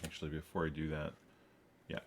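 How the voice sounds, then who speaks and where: Very deep and completely flat, this programmer's voice moves fairly quickly as he narrates his coding stream, making wry asides and correcting himself often. The background is noisy, with faint typing.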